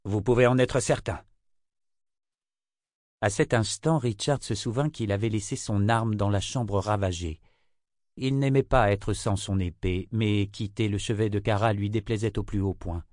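A man narrates a fantasy novel in a steady, even reading voice. His tone sits low, and the sound is dry and close to the mic. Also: normal speed, no echo. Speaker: audiobook narrator.

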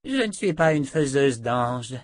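A woman's voice: very deep voice, sing-song, measured pace, dry recording, studio quality, voice pushed up, full character voice. A man reading aloud, voicing a curt and hostile sorceress in an audiobook. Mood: cold. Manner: curt, scornful. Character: cold, scornful sorceress woman, curt and hostile.

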